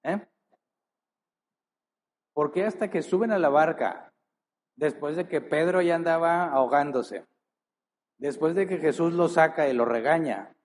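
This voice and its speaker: A male pastor preaching a sermon, reading scripture aloud and then pressing the listeners with rhetorical questions, leaning into key words. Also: fairly high pitch. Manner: earnest, drawn-out emphasis with many rhetorical questions.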